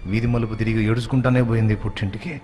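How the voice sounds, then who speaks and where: A male preacher narrating a story in a sermon, building to loud, raised emphasis. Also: fairly even intonation, very fast. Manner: dramatic narration rising to loud, high emphasis.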